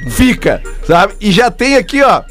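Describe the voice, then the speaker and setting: A man with a southern Brazilian gaúcho Portuguese accent, chatting casually as a radio co-host in an animated, informal storytelling way. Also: high voice, measured pace, faint music behind.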